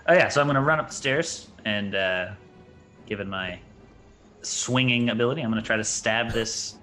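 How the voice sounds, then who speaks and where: A man's voice: fairly low pitch, normal speed, sharp tone, faint music behind. A man playing a tabletop game, stammering through his turn and cracking jokes. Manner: stammering, joking. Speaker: player. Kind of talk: casual tabletop game play.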